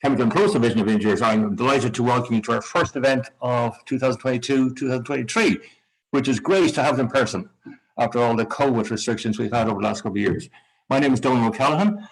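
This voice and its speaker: A man's voice: medium pitch, vocal fry, breathy edge, poor audio. A man opening an evening talk as chair, introducing the speaker in a chatty way with light humor. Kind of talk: formal event introduction. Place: lecture room with live audience.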